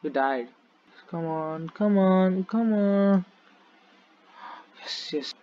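Excitable young man with Tamil accent. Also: high-pitched, muffled recording, very noisy. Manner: excitable, repeats phrases rapidly. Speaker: gaming YouTuber. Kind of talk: excited gameplay commentary.

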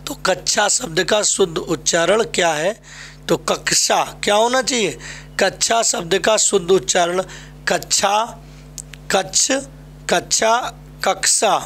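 A man's voice: high voice, normal speed, fairly bright tone, a little hiss or hum. A male teacher from Uttar Pradesh giving an exam-prep Hindi lesson, drilling students by asking a question and then answering it himself.

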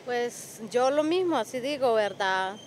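A young woman answering a reporter outdoors in a halting, resigned way. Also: on the high side, expressive, slight background noise. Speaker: interviewee. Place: outdoors in a park. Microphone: handheld mic.

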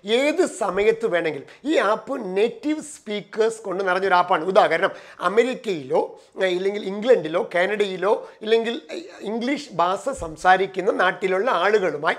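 High-voiced middle-aged man giving career advice. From Kerala, India. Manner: numbered points, shifting between quick runs and slow stressed phrases. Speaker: career trainer and personal coach. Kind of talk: motivational talk.

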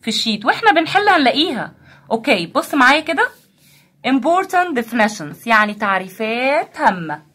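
Lively high-voiced Egyptian woman teacher. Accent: Egyptian Arabic. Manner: spells out and repeats English words slowly, then asks and answers her own questions. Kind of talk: recorded vocabulary lesson, mixing English and Arabic.

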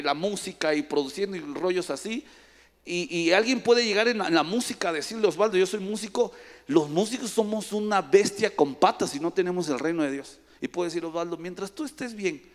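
A male pastor preaching a lively sermon, teasing and calling on people in the congregation by name. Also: sits high. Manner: playful, teasing, calls on audience by name. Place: large church hall. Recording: long echo of a church hall.

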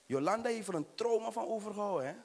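A man with a Surinamese Dutch accent doing stand-up comedy on stage, animated and acting out voices with shouted punchlines. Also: high voice, fast, vocal fry, husky.

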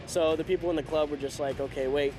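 A race driver in his twenties gives upbeat, enthusiastic interview answers outdoors in a race paddock garage. His fairly high voice runs quick with fairly even intonation. The audio is poor, with loud background music running underneath.

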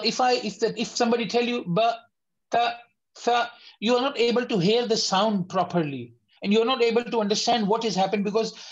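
A man teaches a beginners' lesson over an online call, and his voice comes through a little dull and lo-fi. He is patient, repeats each sound slowly, and gently corrects his students as they go. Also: sits high. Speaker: Tajweed teacher. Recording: slightly dull lo-fi audio.

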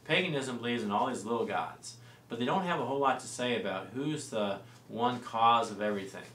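A man in his forties explaining early church history in a studio discussion, relaxed and full of fillers and restarts. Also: mid-range voice, a little fast. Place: small studio set with lamp and plants. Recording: roomy and distant-sounding with faint noise.

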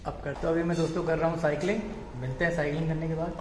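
A man's voice: a little high, steady tone, very fast. A young man in his twenties chatting casually to viewers while filming a vlog on a phone at arm's length. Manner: chatty, addresses viewers as friends. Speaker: vlogger. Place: apartment complex gym and game room, indoors and outdoors. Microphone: phone camera held at arm's length. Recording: noisy phone recording.

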